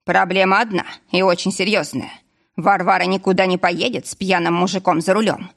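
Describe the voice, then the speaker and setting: A woman's voice: on the low side, steady tone, brisk, creaky. A woman reading an audiobook voices a stern former police officer who speaks firmly and curtly. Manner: firm, commanding, curt.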